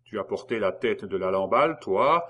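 A man voicing a calm, cold male public prosecutor who speaks curtly and with doubt. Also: on the low side, moderate pace, muffled recording.

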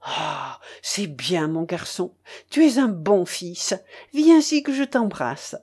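A woman's voice: fairly low pitch, big pitch swings, slow pace, a little mellow, slightly rough, heavily acted. A woman voicing a kindly, talkative old peasant man on crutches in an audiobook, fatherly and bustling. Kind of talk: audiobook character reading.

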